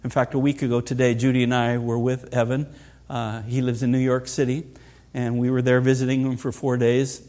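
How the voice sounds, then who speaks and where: A man's voice: medium pitch, level tone, brisk, mellow. A middle-aged man preaching a sermon as pastor, earnest and asking rhetorical questions.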